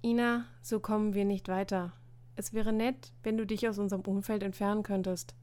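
A woman voicing an earnest teenage schoolboy who reasons in a measured, slightly formal way. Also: medium pitch, steady tone, darkish tone, smooth, natural voice.

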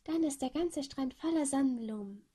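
A woman voicing an overexcited Polish teenage boy who rambles on and on, with a slightly husky voice. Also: high voice, animated, moderate pace, warm tone, pitched above the performer's own voice. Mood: rambling.

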